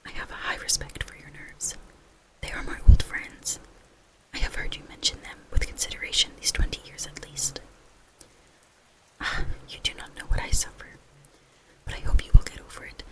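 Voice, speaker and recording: A whispering reader narrating a classic novel in a breathy, unvoiced ASMR whisper. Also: moderate pace, poor audio.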